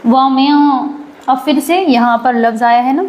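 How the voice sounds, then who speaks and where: A woman teaching a live online Quran recitation class. She recites slowly and drawn out, asks her class questions and answers them herself, and explains quickly in between. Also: sits high, steady tone, a little mellow, muffled recording, slight background noise. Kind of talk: live online tajweed lesson.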